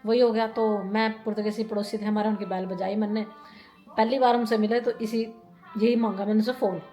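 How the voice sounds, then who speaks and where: A woman's voice: medium pitch, level tone, fairly quick, warm tone, soft background music. A woman from India telling a story in a casual vlog. She talks in a rambling, chatty way, often laughing and repeating herself. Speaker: vlogger.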